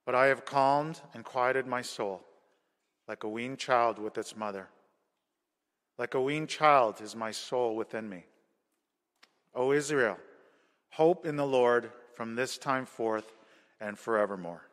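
A man reads scripture aloud at a very unhurried pace, every phrase measured and deliberate. His voice rolls out into a long cathedral echo, the reverb of a big stone church trailing each line. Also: medium pitch, fairly bright tone. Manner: slow, measured reading. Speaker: scripture reader. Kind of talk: liturgical scripture reading. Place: large church.

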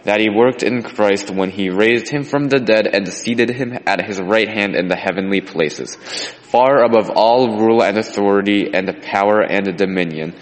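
A man reading scripture aloud in a steady, measured liturgical manner, with cathedral echo around him. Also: lowish voice. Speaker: scripture reader. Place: large church sanctuary. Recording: long reverb of a large church.

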